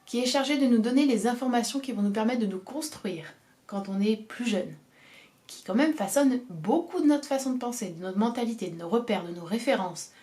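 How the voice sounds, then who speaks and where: A woman's voice: a little high, a little mellow. A young woman from southern France with a southern French accent, giving an earnest, emphatic opinion monologue and repeating her key phrases. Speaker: video essayist.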